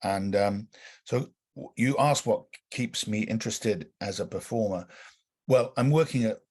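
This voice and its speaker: Low, darkish and slightly breathy, this middle-aged man's voice moves at a measured pace as he guests on a laid-back anecdotal podcast interview. An actor and director from North London, he speaks London English with a faint Welsh lilt, wandering through stories with plenty of fillers and restarts.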